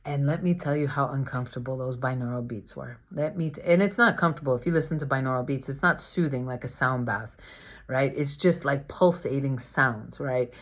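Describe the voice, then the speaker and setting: A woman vlogger telling her own story casually, animated and confessional, acting out what others said. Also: rumbling low, brisk. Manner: animated, confessional, acts out quoted speech. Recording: slightly dull lo-fi sound.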